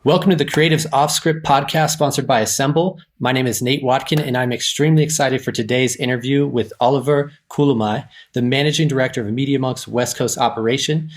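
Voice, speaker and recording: Podcast host guy, cheery scripted intro then questions, average pitch. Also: brisk, few pauses, slight background noise. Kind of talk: interview hosting.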